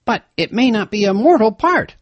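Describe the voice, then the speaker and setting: Man voicing a jittery young hunter, high breathy whisper, lively. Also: normal speed, no room sound, highs cut off. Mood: excited whisper. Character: excited young man hunter, eager and anxious.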